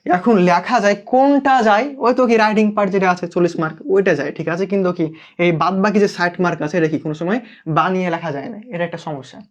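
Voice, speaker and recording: A man's voice: high voice, fast talker. A young man with a Bangladeshi Bengali accent teaching a live online English class, checking in with students again and again. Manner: checks in constantly, asks students to comment. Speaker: English tutor.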